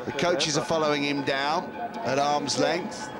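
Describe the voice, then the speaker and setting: A man's voice: fairly high pitch, measured pace, loud music behind the voice. Amused man commentating on skiing. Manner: amused, laughing, excitable. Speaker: ski commentator. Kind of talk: live sports commentary.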